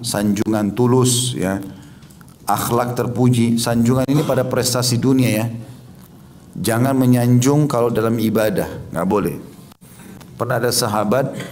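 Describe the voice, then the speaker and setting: A man's voice: on the low side, darkish tone, slight background noise. A male preacher giving an Islamic lecture, explaining points patiently and repeating them with a questioning "ya".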